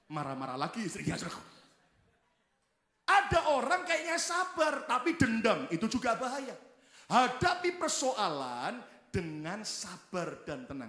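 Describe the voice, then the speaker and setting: Animated male pastor preaching. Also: high-pitched. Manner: animated, exclaiming, leads the congregation in repeating lines. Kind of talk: sermon with call-and-response. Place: church service hall. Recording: echoey church hall.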